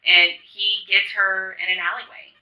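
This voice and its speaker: A woman author being interviewed at a writers' convention, explaining her books eagerly and quickly. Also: mid-range voice, little pitch movement, reverberant, far from the mic, lo-fi sound. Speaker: author guest. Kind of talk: casual interview chat. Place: convention venue.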